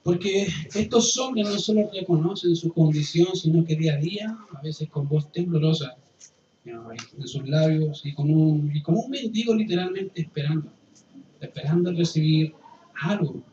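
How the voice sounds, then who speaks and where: Pastor guy preaching, high voice, gets loud then goes real quiet, roomy hall sound from far off. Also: normal speed, slight background noise. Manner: impassioned, swings from loud pleading to hushed. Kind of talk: sermon. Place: church hall. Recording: roomy, distant, dull church recording with faint ambience.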